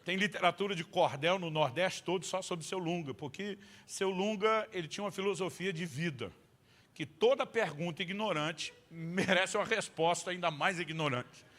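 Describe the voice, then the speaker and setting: A man pastor telling funny family stories in a sermon, animated and bursting into shouts at the punchlines. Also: high voice, normal speed. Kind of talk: humorous sermon storytelling.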